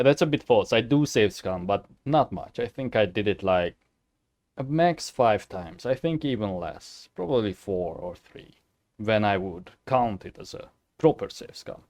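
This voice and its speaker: A man's voice: lowish voice, a little mellow. A man giving casual, rambling game playthrough commentary in an informal way, often correcting himself. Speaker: gaming video host. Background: faint music.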